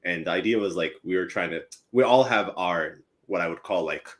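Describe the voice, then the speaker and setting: A man's voice: sits low, a little fast. A young man from East Africa, a company co-founder chatting casually as a podcast guest with lots of fillers. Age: young adult. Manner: relaxed, rambling with many fillers.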